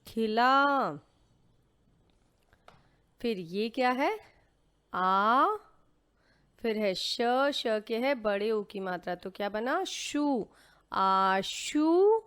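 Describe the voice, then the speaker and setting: A woman's voice: mid-range voice, fairly bright tone, clear, resonant tone. A woman teaching young children to read, patiently sounding out syllables and asking questions she then answers herself. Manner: sounds out syllables slowly, mixing in English words. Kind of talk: children's Hindi reading lesson.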